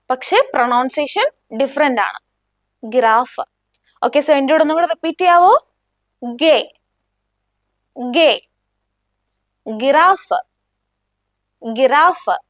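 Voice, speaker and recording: A woman teaching a beginner language lesson with a Malayali accent, saying each word slowly and asking learners to repeat after her. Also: sits high, no echo, clean studio sound.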